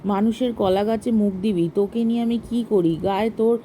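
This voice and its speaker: Lady reading a gentle old farmer guy from a story, soft, pleading, kinda tearful, mellow low-key voice. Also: fairly even intonation, brisk, slight background noise, lightly acted. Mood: tender. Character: poor aging village farmer, gentle and grieving.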